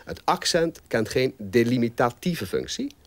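An actor playing a pompous, lecturing language scholar in a comedy sketch interview. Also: male voice, mid-range voice, very animated, measured pace, no room sound. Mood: pedantic. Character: pedantic male language scholar doctor. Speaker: language expert guest.

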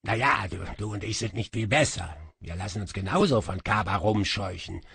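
A man's voice: fairly low pitch, animated, moderate pace, gravelly, fairly bright tone, husky, no room sound, heavily acted. Man doing grumpy, sardonic djinn Fakal. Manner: sardonic, mumbling. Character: stocky, grumpy, sly male djinn.

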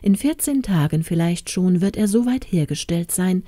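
A woman reading as a grave, calm doctor. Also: on the low side, moderate pace, no room sound, clean studio sound. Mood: reassuring. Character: grave, calm older male country doctor.

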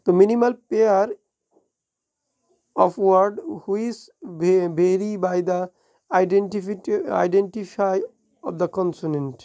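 A woman with a Bengali accent teaching an exam review lesson. She reads English definitions slowly, explains them quickly and often corrects herself. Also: medium pitch, dark tone, highs cut off. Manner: frequent self-corrections and restarts.

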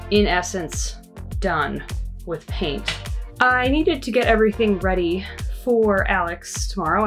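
A woman in her thirties giving a casual, matter-of-fact renovation update inside a small travel trailer, talking close to a handheld camera. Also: medium pitch. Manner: chatty and matter-of-fact, shrugging things off. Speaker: renovation vlogger. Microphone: handheld camera close to face.

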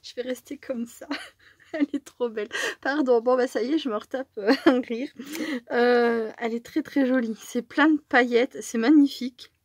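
Opening fan mail for her craft vlog, a woman rambles casually, giggles a lot, corrects herself, and sometimes lowers her voice to a hush. She speaks at normal speed in a slightly high voice, in a dry, studio-quality recording.

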